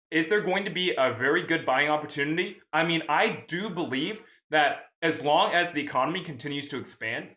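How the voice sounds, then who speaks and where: Bright-voiced young man in an echoey room. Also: on the high side. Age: young adult. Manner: chatty, explains and greets viewers from chat, often asks "right?". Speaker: host. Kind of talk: casual livestream finance talk.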